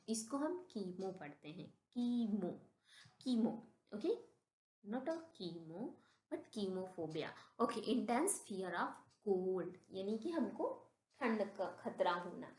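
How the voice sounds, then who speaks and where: A woman with an Indian accent teaches English vocabulary at a slow, deliberate pace. She thinks aloud, asks rhetorical questions and corrects herself. Her voice rings in an echoey room. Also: mid-range voice, a little mellow. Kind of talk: slow classroom-style explanation mixing Hindi and English.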